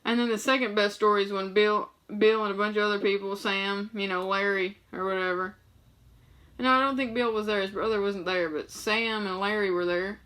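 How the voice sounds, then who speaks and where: A woman's voice: medium pitch, fairly even intonation, a little fast, a bit bright, clear, resonant tone. A young woman talking casually to her viewers, rambling through loose, profane stories full of fillers. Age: young adult. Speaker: vlogger.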